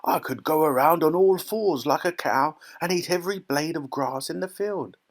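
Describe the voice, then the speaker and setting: A man voicing a cheerful, excitable old grandfather in a children's storybook, full of boyish enthusiasm. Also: a little high, normal speed, voice pushed up. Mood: delighted. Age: older.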